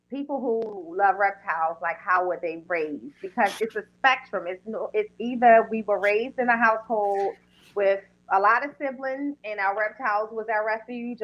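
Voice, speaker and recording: A woman hosting a casual interview show in a chatty, informal way. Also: medium pitch. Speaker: podcast host. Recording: dull lo-fi audio.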